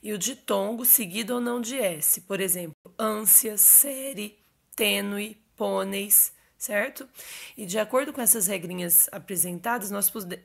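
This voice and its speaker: Female teacher voice for a recorded lesson, measured and explanatory, keeps checking that students follow. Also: mid-range voice. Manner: explanatory, checks in with frequent "ok?" and "certo?". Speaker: Portuguese teacher. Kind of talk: recorded online grammar lesson.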